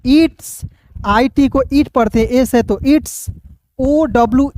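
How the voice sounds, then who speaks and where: A man teaching English reading, spelling out each word letter by letter before sounding it out, speaking fairly softly and often checking that his viewers are following along. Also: very high-pitched, a little slow, no echo. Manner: keeps addressing viewers as friends and checking they follow.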